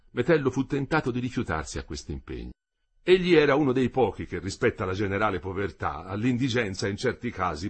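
A man reading a literary novel aloud with an expressive, dramatic delivery. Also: lowish voice, husky. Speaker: audiobook reader.

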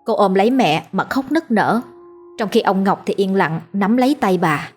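A woman narrating a ghost story in a steady, scripted storytelling manner. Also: medium pitch, moderate pace, faint music behind.

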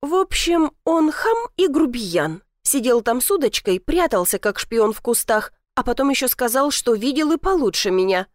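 A woman's voice: fairly high pitch, big pitch swings, normal speed, few pauses, no echo, studio quality, voice pushed up. Woman playing an indignant young city girl. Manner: indignant, snappy.

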